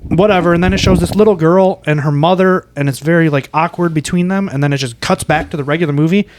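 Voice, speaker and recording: A man's voice: on the high side, fast talker, darkish tone. A man co-hosting a podcast, recapping a movie plot in a rambling, teasing way. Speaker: podcast co-host. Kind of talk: casual movie chat.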